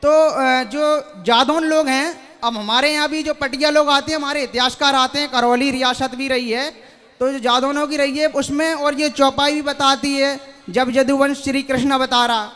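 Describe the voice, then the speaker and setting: A man's voice: very high-pitched, fairly even intonation, moderate pace, bright, forceful tone. A young man in an audience, asking a spiritual teacher long, earnest and deferential questions. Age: young adult. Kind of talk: devotional question and answer.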